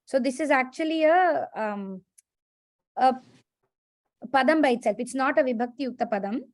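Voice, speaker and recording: Woman, Indian accent, high-pitched voice, teacher, interactive lesson, prompting and correcting, repeats key words. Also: moderate pace, no room sound. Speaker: Sanskrit teacher.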